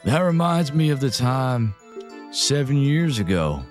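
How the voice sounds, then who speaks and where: A man voicing a grumpy, drawling male windmill keeper from a video game, in a slow stoner-style voice. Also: medium pitch, very animated, faint music behind. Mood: grudging.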